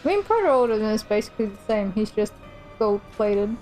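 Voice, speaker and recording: A woman's voice: mid-range voice, sing-song, fairly quick, dark tone, soft background music, rough recording. A young woman streaming a game, chatting casually and self-deprecatingly with friends on a call. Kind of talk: casual chat while streaming.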